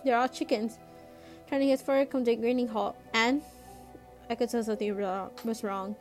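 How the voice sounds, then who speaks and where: Lady reading a teen novel out loud, first-person narration, earnest, voice a bit high. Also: normal speed, faint music behind. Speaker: reader.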